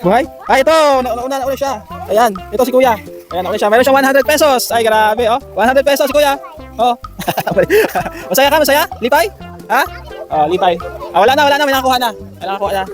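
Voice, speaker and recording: A man hosting games for schoolchildren outdoors, coaxing and counting down with animated energy. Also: extremely high pitch, brisk, over music. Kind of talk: lively outdoor game hosting.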